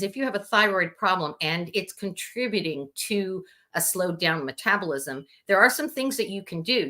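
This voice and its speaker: A woman's voice: fairly low pitch, bright, forceful tone. A middle-aged woman answering viewer questions in a live Q&A, explaining things step by step with frequent ums and uhs.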